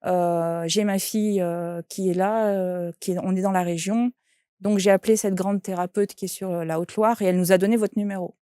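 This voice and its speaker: A woman's voice: mid-range voice, steady tone, a little fast, mellow, clear, resonant tone, no echo, clean studio sound. A woman, a shaman and medium, telling an anecdote in an interview and quoting the people in it. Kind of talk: interview storytelling.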